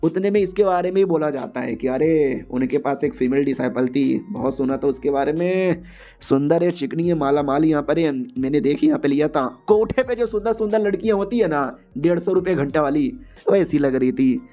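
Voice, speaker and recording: A man's voice: fairly high pitch, moderate pace, warm tone. A man casually retelling a comic story in a slangy, joking way. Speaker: story recap narrator. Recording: dull recording with faint music.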